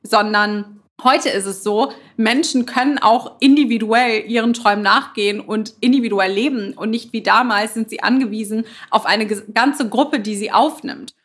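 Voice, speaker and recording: A woman's voice: a little high, moderate pace, hardly any pauses, fairly bright tone, husky. A woman hosting a motivational podcast, talking without notes in an earnest, emphatic way, often repeating her phrases. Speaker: podcast host. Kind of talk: motivational podcast monologue, unscripted.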